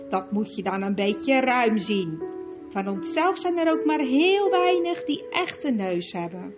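A wise, gentle she-elephant from a storybook, as a woman puts her on, thoughtful and gracious, a touch high and light. The reading is lo-fi and dull with clear music underneath. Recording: lo-fi with music behind.

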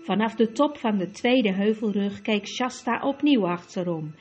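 A woman reading a storybook aloud in a measured way. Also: mid-range voice, expressive, a little mellow, soft background music. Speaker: audiobook narrator. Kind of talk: storybook narration.

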